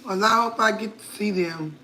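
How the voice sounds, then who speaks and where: A woman's voice: medium pitch, normal speed, fairly bright tone, a little hiss or hum. A middle-aged woman from Connecticut, a cooking vlogger chatting casually and playfully, laughing often. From Connecticut, USA. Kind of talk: casual live chat.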